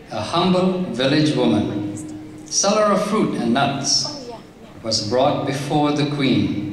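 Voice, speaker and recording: A man narrating a folk tale slowly and steadily as the storyteller of a live skit. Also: medium pitch. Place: large hall. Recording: echoey hall, from far off.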